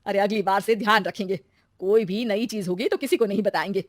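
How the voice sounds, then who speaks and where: A woman voicing a hot-tempered young husband in a cartoon story, speaking loudly and quick to argue. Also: mid-range voice, steady tone, no echo, studio quality, lightly acted.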